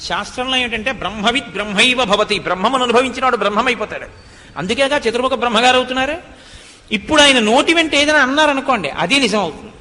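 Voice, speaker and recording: Man, devotional discourse, very high voice, recites Sanskrit verses, long hall reverb. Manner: expressive storytelling with recited Sanskrit verses and rhetorical questions. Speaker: religious discourse speaker.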